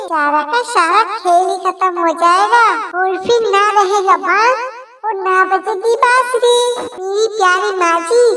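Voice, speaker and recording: A shrill, scheming young cartoon wife, played by a woman, sly and mock-sweet. She talks in a teasing sing-song. The sound is roomy and far from the mic. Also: sharp tone, heavily acted. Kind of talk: cartoon comedy voice acting. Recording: roomy, distant echo.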